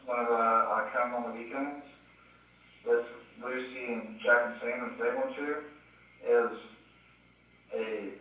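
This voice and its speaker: Low-voiced man, dry and sarcastic, jail call recording, distant, muffled. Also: heavy reverb. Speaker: inmate on a jail phone call.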